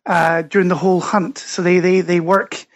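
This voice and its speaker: Here a Scottish researcher and author, guesting on a podcast, speaks in a high-pitched male voice with little pitch movement at a moderate pace. He explains his research thoughtfully, with many fillers and restarts.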